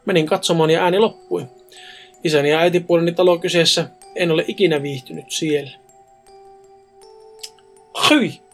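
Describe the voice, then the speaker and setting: A man's voice: a little high, fairly even intonation, faint music behind. A man reading ghost stories aloud in a casual podcast chat, adding wry jokes between them. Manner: joking, wry asides. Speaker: co-host reading listener stories.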